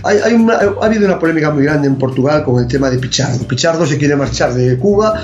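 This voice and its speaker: A slightly higher-voiced man talks through his views as an athletics expert in an interview. He sounds opinionated and analytical, keeping a conversational tone. The recording is roomy and muffled, like a lo-fi capture in a reverberant space. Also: expressive, fast talker, a little mellow, slight background noise.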